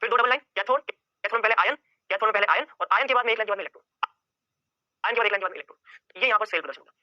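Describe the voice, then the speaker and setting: A man's voice: high voice, rapid-fire, no room sound, muffled recording. A male chemistry teacher giving an exam-prep lecture, firing off questions and answering them himself and repeating key points over and over.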